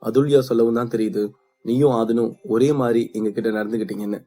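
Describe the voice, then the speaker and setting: A man voicing a playful young male student who teases with quick questions. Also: mid-range voice, steady tone, dark tone, lightly acted. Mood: worried.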